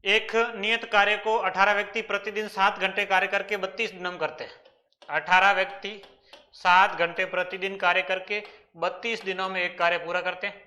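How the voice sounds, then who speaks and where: A man's voice: high voice, flat delivery, a little fast, sharp tone. A man with a Rajasthani accent teaching an exam-prep maths lesson, working through problems step by step and answering his own questions.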